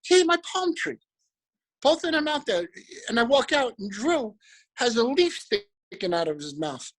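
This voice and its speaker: A man giving an energetic, preachy motivational talk about trading, repeating affirmations. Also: extremely high pitch, measured pace, poor audio. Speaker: motivational speaker for a trading group.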